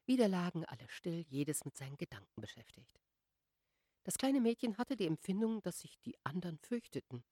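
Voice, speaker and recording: A woman narrating a literary audiobook in a measured, expressive storytelling manner on a close microphone. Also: lowish voice, no room sound. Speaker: audiobook reader.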